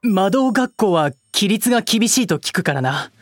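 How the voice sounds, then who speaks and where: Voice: mid-range voice, lively intonation, normal speed, lightly acted. An actor playing a sensible, exasperated young male party leader in a fantasy drama, blunt and commanding but flustered. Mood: skeptical. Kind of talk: fantasy audio drama acting. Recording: music under the voice.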